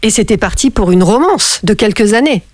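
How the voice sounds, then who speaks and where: A woman's voice: mid-range voice, lively intonation, a little fast, a little mellow, dry recording, clean studio sound. A middle-aged woman, hosting a radio show and chatting casually on the phone, with lots of restarts. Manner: chatty, laughing, many restarts. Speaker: radio host. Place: radio studio.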